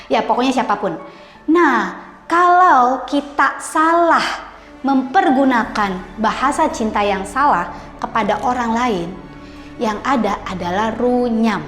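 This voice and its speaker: A woman hosting a video, talking casually and directly to her viewers, often slipping English phrases into her explanations. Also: fairly high pitch. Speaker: video host. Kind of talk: casual talk to camera explaining a topic. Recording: echoey room with long reverb and faint music.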